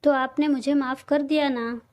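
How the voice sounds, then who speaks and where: A woman voicing a lively young woman who is a cheeky little sister, in a read-aloud audio story. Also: high-pitched, moderate pace, lightly acted. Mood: pleading.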